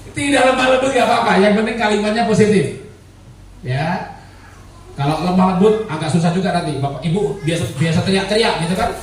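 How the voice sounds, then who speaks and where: A male pastor with a high voice gives a joking, conversational sermon and slips into little acted quotes. He sounds distant from the mic, in a heavily echoing church hall with faint background noise. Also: expressive, unhurried. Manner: humorous, conversational preaching, acts out quotes.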